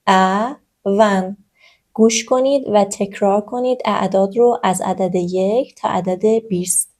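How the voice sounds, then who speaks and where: Mellow-voiced woman teaching numbers slowly. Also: medium pitch. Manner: explains slowly, repeats each word. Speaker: French teacher. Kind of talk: language lesson in Persian.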